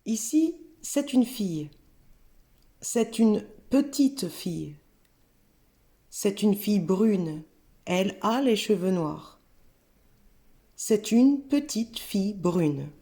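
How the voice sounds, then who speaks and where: A woman narrating a scripted language lesson, reading word pairs slowly and carefully. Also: medium pitch, lively intonation, dark tone. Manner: slow, careful, clearly spelled-out word examples. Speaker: French teacher.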